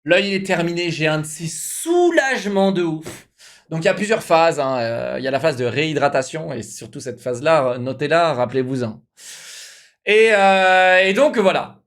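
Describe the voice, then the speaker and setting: A young man, a streamer telling a story casually to his live chat, animated and repetitive, often calling out to the viewers. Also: a little high, normal speed. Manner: animated, repeats himself, addresses viewers as guys.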